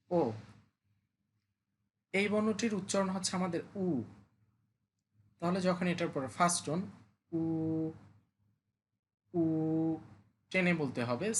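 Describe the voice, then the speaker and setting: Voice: medium pitch, slight background noise. A language teacher gives a recorded lesson, patiently modelling each sound and repeating it. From Bangladesh.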